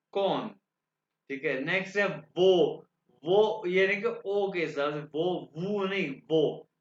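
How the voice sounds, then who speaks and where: A man teaching a language lecture. He explains slowly and repeats himself, stopping often to check that the students follow. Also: fairly high pitch, fairly bright tone. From Pakistan. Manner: slow and repetitive, checking understanding with the students. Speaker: German teacher. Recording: echoey room, dull lo-fi sound.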